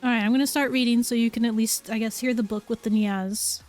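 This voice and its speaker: A woman's voice: a little high, fairly even intonation, fast, a little mellow, faint music behind. A young woman streamer reading a novel aloud, tacking "yeah" onto nearly every sentence with giggly asides.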